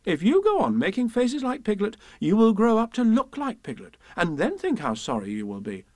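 A motherly female kangaroo from a children's storybook, as a man plays her, with a high, lilting voice. She fusses briskly, soothing and firm at once, her pitch lively. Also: no room sound, full character voice. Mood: severe. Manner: fussing, cheerful, mildly scolding.

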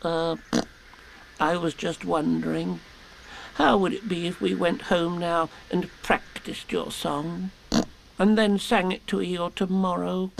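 A man voicing a small, timid, anxious young piglet in a storybook reading, with a soft, hesitant, gravelly voice. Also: high-pitched, slight background noise, pitched above the performer's own voice, exaggerated voice, rough recording.

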